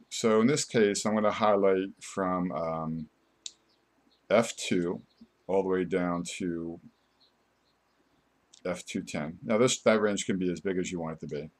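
Low-voiced male software instructor. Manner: informal, unscripted explaining. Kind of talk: step-by-step screen tutorial narration.

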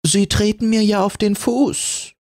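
A man voicing a tiny, delicate female lace scrap who complains in a thin, high squeal. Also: steady tone, unhurried, darkish tone, no room sound, clean studio sound. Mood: hurt.

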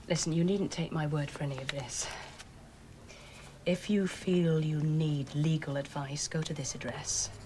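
An actress playing a middle-aged, composed social worker who speaks in a measured, official way in a television drama. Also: female voice, sits low, fairly even intonation, noisy background. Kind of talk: naturalistic television drama acting. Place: office indoors.

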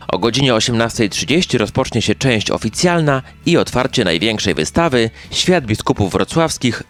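Man narrating local news, lively intonation, over music. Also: mid-range voice. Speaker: newsreel narrator. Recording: music bed under voice. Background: background music.

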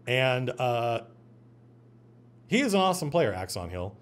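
Animated man talking game mastering. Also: mid-range voice, unhurried. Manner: animated, digressive, frequent restarts. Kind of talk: casual livestream talk on game mastering.

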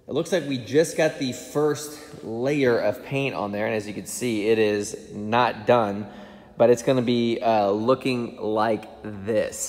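A young man in his twenties casually vlogging as a gym owner, chatty and upbeat with loose fillers, filming on a phone at arm's length. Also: medium pitch. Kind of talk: casual vlog walkthrough. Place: car, then large empty gym room. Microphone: phone held at arm's length. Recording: long reverb in empty hall.

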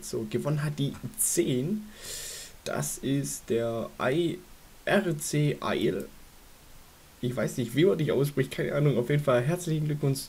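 A man's voice: medium pitch, dark tone. A young man giving informal, chatty gaming commentary, thinking aloud as he goes. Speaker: gaming YouTuber hosting a giveaway draw. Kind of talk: casual screen-recording commentary. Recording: hissy home microphone recording. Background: faint hiss.

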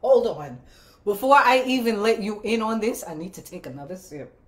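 A woman's voice: mid-range voice, lively intonation, moderate pace. A woman in her fifties hosting a casual livestream chat, playful and emphatic, cheering viewers on with repeated phrases. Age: 50s. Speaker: livestream show host.

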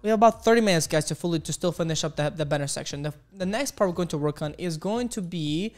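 Quick-paced and backed by soft music, a young man from Ukraine teaches coding on stream and talks with viewers while typing. His delivery is upbeat and exclamatory, full of repeated "boom" and "beautiful." He's in a small home studio, using a studio mic on an arm and headphones.

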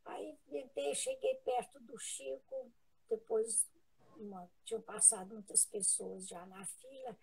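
Husky Brazilian woman telling a story. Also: fairly high pitch, fairly even intonation, mellow, low-quality recording. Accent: Brazilian Portuguese. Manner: earnest, halting, with many restarts. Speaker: interview guest. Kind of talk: personal storytelling in a live interview.

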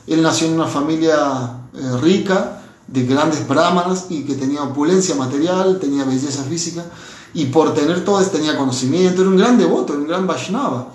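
A man teaching a scripture class in a conversational way, often checking in with his listeners. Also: fairly high pitch. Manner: conversational, frequent tag questions. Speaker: religious teacher. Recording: roomy echo.

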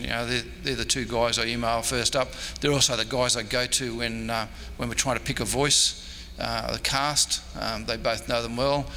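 An Australian historian in his sixties gives an informal, off-the-cuff convention talk with audience questions in an indoor meeting room, rambling in a hesitant, self-deprecating way. His medium-pitched voice is bright and forceful. The recording is echoey, with background noise.

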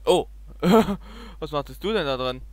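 A man doing casual reaction commentary as a streamer, with an animated, exclamatory way of talking. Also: fairly high pitch, measured pace, no echo, faint music behind. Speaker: streamer making reaction videos.

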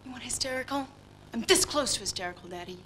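A woman's voice: on the high side, expressive, moderate pace, bright, forceful tone, slight background noise. An actress playing a rebellious young woman who pushes back hard against her controlling father. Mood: defiant.

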